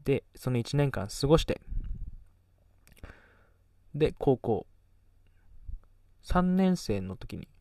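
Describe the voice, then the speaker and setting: With big pitch swings, a slow pace and long pauses, a nineteen-year-old man from Kagoshima, Japan speaks in a dark mid-range voice, far from the mic and with no room sound. He has a light Kagoshima accent and, as a podcast host in casual chat, rambles, puts himself down, and trails off mid-thought.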